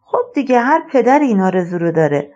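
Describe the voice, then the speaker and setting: A woman voicing an elderly retired male colonel, a rambling and wistful father who speaks slowly and musingly. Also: mid-range voice, sing-song, warm tone, muffled recording, natural voice.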